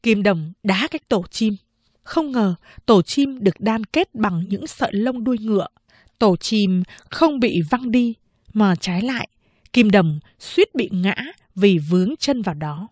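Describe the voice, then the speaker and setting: A woman narrating a novel as an audiobook, telling the story in a measured, even way. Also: mid-range voice, dry recording. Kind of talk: scripted narration.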